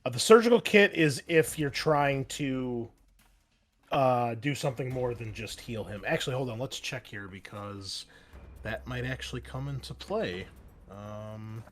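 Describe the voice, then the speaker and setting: A man with a medium-pitched voice hosts and runs a tabletop game as its game master. He's easygoing and laughs readily, often pausing with ums.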